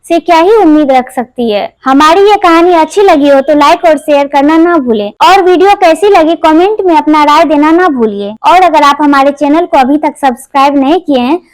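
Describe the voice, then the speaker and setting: A woman's voice: high voice, moderate pace, hardly any pauses, dry recording. A woman hosting a channel, sincerely addressing viewers at the end of her video. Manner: sincere, appealing. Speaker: channel host.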